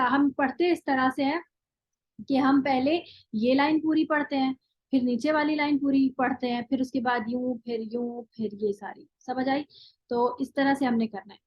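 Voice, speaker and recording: A woman's voice: sits high, no echo, dull audio. Woman teaching grammar in a lecture. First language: Urdu. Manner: explains step by step, often checks with "thik hai"; drills word forms slowly, one at a time. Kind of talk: classroom lecture.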